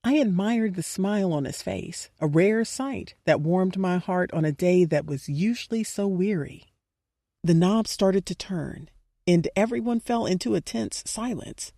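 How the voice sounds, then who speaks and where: A woman's voice: mid-range voice, expressive, measured pace, warm tone, no room sound, clean studio sound. A woman narrating a first-person audiobook in an emotional, intimate way.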